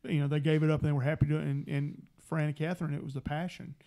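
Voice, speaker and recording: A man's voice: fairly high pitch, fast. A middle-aged man, a guest telling family stories on a casual talk show and acting out the voices. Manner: animated storyteller, acts out family voices. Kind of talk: casual radio chat.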